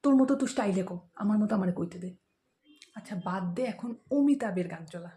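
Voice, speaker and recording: A woman's voice: medium pitch, animated, brisk, warm tone, voice pushed down, close to an everyday voice. A woman playing a simple, stubborn middle-aged mother in a comedy skit, with an insistent, chatty manner.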